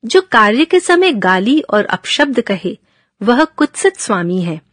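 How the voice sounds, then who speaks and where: A woman's voice: on the high side, big pitch swings, measured pace, dry recording, studio quality. A woman reading the lines of a resentful male watchdog in a fable, complaining about his master. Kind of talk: reading a storybook fable aloud.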